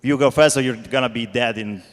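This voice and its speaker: An Italian-accented man speaks as a startup founder on a panel, in an informal and blunt way. His English is halting and non-native, at a medium pitch. The sound rings in a large hall. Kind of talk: informal spoken panel answer. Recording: reverberant hall.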